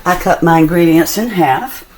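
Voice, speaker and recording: A woman's voice: fairly low pitch, moderate pace. A middle-aged woman chatting homely through a cooking demonstration in her home kitchen, tasting as she goes. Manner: chatty and homey, talks while tasting. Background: soft music and kitchen clatter.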